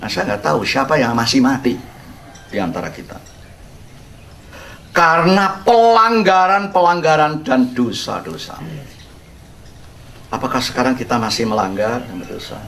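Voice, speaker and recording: An older man, a pastor, giving an expository sermon as a humorous, animated storyteller who sprinkles in English words. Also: mid-range voice, fast talker, creaky, distant mic, a little hiss or hum.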